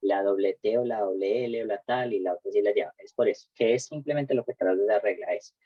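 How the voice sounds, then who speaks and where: A man's voice: on the low side, fairly quick, no echo, muffled recording. Patient man teaching English. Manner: patient, explains step by step with many fillers. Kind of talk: one-on-one online English lesson.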